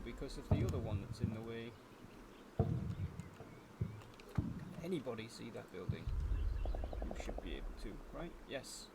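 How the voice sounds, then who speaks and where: Male gameplay commentator, mid-pitched, casual and thinking aloud, with loud game noise and clicks behind him.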